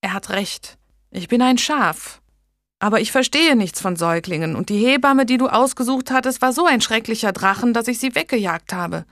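A woman reading an audiobook gives a higher, pleading voice to a flustered, tender young woman caring for a newborn. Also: no room sound, clean studio sound, close to an everyday voice. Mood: tearful. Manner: pleading, tearful, hurried.

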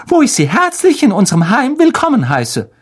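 A storybook narrator putting on a high, shrill voice for a gushing, fussy aunt. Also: huge pitch swings, fairly quick, husky.

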